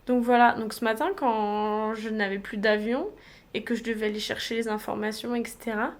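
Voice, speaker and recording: A woman's voice: a little high, flat delivery, moderate pace. A young woman from France chatting in a casual travel vlog, slangy and upbeat, filmed on a handheld phone in a hotel room. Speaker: travel vlogger.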